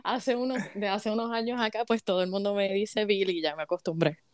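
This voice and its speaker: A middle-aged woman from Puerto Rico with a Puerto Rican accent, chatting as a guest in an interview, friendly and halting with restarts. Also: mid-range voice, steady tone, clean tone, no room sound. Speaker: sports commentator, guest. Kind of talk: casual interview chat.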